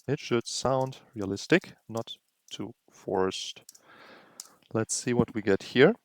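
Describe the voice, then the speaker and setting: A man narrating a software tutorial, explaining steps slowly and thinking aloud. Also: mid-range voice, dry recording. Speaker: tutorial host. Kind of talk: screen-recording tutorial narration.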